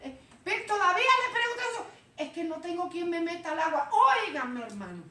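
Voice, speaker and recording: A woman preaching an informal sermon, lively, acting out Bible voices and calling the listeners "brother". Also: very high-pitched, fast. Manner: animated, acts out Bible voices, calls listeners "hermano". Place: church. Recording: echoey room, heard from a distance.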